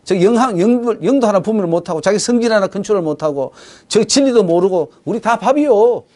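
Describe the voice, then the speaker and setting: A mocking male Satan, voiced by a man in a sermon, taunting in a jeering sing-song. His voice sits high and swoops about, the scorn loud and gleeful. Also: animated, fairly quick. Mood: sneering.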